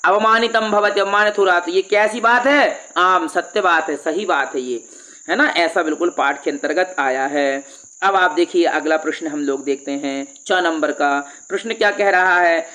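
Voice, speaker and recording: A man teaching Sanskrit for a tenth-grade exam, reading each line slowly and then explaining it patiently, asking and answering his own questions. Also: sits high, pushed and bright. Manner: reads Sanskrit lines slowly, then glosses in Hindi. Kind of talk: exam-prep lesson for students.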